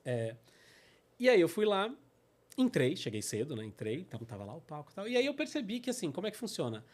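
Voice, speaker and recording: A middle-aged man with a Brazilian Portuguese accent telling personal stories on his podcast, animated and full of fillers. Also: fairly high pitch, fast. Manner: animated, acts out quotes, many fillers like "né" and "tipo assim". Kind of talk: casual storytelling.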